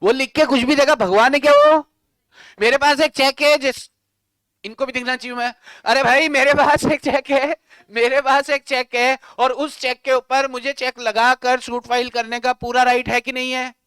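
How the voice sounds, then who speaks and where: Male lecturer, high clear voice, dry close sound, lively teasing classroom talk. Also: moderate pace, dry recording. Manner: animated, teasing, scolds students in coarse slang. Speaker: law teacher.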